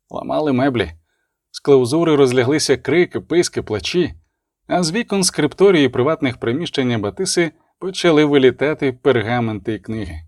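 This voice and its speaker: A man narrating an audiobook with a dramatic, expressive reading. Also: mid-range voice, dry recording, studio quality. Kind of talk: scripted narration.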